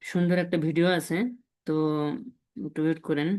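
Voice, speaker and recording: A man's voice: on the high side, level tone, a little fast, a little mellow. A man teaching a beginner's language lesson, explaining at an easy pace with hums and fillers. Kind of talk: casual teaching.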